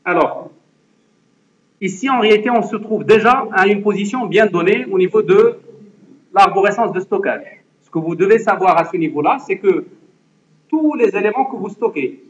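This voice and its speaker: A man's voice: sits high, animated, normal speed, long pauses, noisy background. A man teaching a computer lesson to a class, explaining step by step and often checking that students follow. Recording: echoey classroom, dull lo-fi sound.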